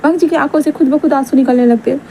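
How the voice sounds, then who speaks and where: A woman's voice: high voice, racing, dark tone, a little hiss or hum. A woman narrating a romance fanfiction story in a casual, conversational way, repeating phrases as she goes.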